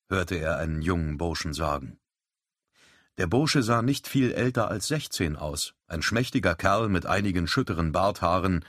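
A man reading an audiobook with expressive, measured storytelling. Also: deep voice, no room sound, clean studio sound. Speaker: audiobook narrator. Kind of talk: scripted narration.

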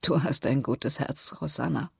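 A weary young woman speaks through tears with quiet resignation, as the audiobook reader voices her. The voice is husky with a gravelly edge. It sounds close and dry. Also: mid-range voice, measured pace, no room sound, heavily acted. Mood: resigned. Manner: tearful, resigned. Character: young woman, tearful weary older sister. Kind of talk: audiobook character voice.

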